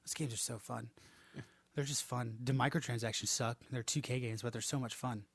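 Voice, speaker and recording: A man co-hosting a gaming podcast, rambling and swearing casually in relaxed chat. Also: mid-range voice, a little fast, no echo. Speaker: podcast co-host.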